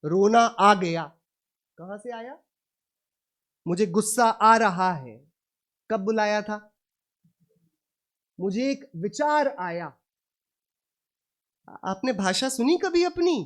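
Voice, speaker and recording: A man preaching an afternoon Jain sermon in an unhurried, deliberate rhythm. He keeps putting questions to his audience, addressing them as brother. His delivery is emphatic and rhetorical. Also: sits high, expressive, fairly bright tone.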